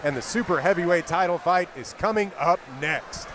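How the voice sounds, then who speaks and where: A man's voice: sits high, moderate pace, background noise. A man giving live play-by-play commentary at a boxing event. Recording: loud music behind live commentary.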